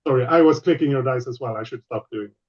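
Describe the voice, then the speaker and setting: A man running a tabletop game online as game master, explaining rules patiently with many pauses. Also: mid-range voice, a little mellow, highs cut off.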